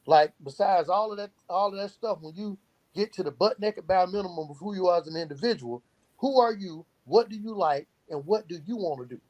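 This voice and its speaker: The recording is muffled, and the man's voice sits high, a little mellow, moving briskly. He is a youth outreach organization founder being interviewed on a podcast, speaking earnestly and posing rhetorical questions he goes on to answer.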